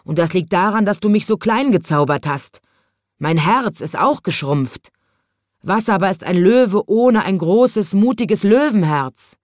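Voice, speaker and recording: A woman voicing a proud, grumbling male lion in a storybook reading, in a low growly tone. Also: big pitch swings, takes it slowly, a little mellow, no echo, clean studio sound, exaggerated voice. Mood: grumpy.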